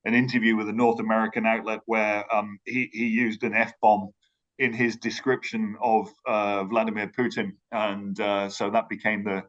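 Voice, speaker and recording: A man's voice: on the low side, flat delivery, moderate pace, fairly bright tone, muffled recording. A man from Ireland with a British accent, giving a remote conference talk, hesitant with many fillers and restarts. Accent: British English. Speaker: conference speaker. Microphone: video call.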